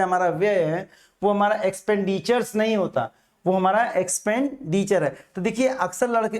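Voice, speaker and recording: A man's voice: sits high, a little mellow. Male teacher giving an exam-prep grammar lecture. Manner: patient, repeats points, asks and answers his own questions.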